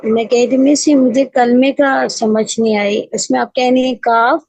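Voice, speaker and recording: A woman's voice: fairly high pitch, fairly even intonation, a little mellow, no room sound, low-quality recording. A woman student asking her teacher a hesitant question in class.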